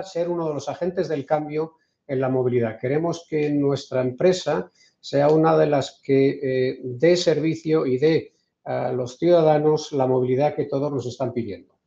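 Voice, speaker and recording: Brief: Peninsular Spanish man, guest lecturer, mellow and a bit high, measured, restarts often, dull video-call audio. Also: fairly even intonation, gravelly, roomy sound. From Spain. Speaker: invited speaker. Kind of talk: online lecture.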